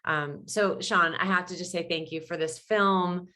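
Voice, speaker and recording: A woman's voice: lowish voice, fairly even intonation, a little slow, sharp tone. A woman moderating a panel over a video call, enthusiastic and gushing, with lots of filler words in casual conversation.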